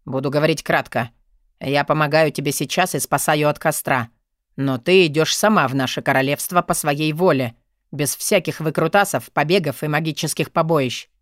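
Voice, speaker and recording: A woman voicing a gruff man with a hoarse, low whisper, grumbling and menacing in an audiobook. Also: normal speed, no room sound, studio quality, natural voice. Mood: stern. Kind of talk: audiobook character voice.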